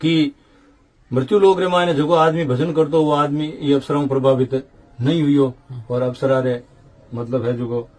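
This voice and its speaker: An older man with a Marwari accent tells a saint's legend as devotional storytelling, chanting verses slowly between his plain narration. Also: fairly high pitch, steady tone, a little mellow. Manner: slow chanting delivery of couplets. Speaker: saint narrating temple history.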